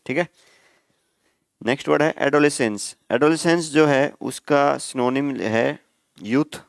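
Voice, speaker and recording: A male coaching teacher with a smooth, clear voice, recorded dry and close. He explains vocabulary by asking his students questions and then answering them himself. He checks in with "okay?" constantly and spells hard words out letter by letter. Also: medium pitch, no room sound. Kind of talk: exam-prep vocabulary lesson.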